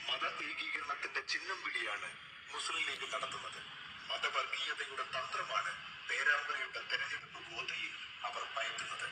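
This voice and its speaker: A man reading a recorded political campaign announcement in a declamatory, slogan-like way, played back through a campaign vehicle's loudspeaker. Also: mid-range voice, moderate pace, pauses often, slightly rough, poor audio.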